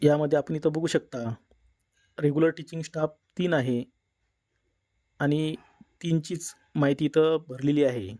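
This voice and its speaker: A man narrating a step-by-step software tutorial in a plain instructional manner. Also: fairly high pitch, fairly even intonation, measured pace, long pauses, no room sound. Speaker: tutorial presenter. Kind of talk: screen-recorded software tutorial.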